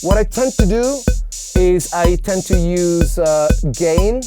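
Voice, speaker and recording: A man's voice: high-pitched, animated, slow. A man explaining step by step as a music producer in a studio tutorial, sometimes mouthing drum rhythms aloud. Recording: drum machine and synths playing under voice.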